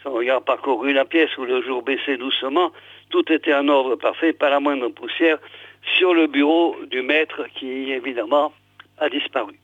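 A man's voice: mid-range voice, fairly even intonation, moderate pace, no echo. A man reading a novel aloud on the radio, stopping often to comment, with many fillers and restarts. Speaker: radio reader. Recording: dry, phone-like radio sound.

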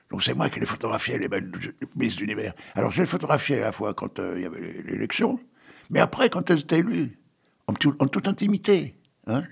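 An older man from Paris, reading poems and telling stories in a chatty, digressive way with many asides. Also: mid-range voice. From Paris, France. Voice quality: gravelly, husky. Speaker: poetry reader and storyteller. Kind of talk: casual spoken reading and chat.

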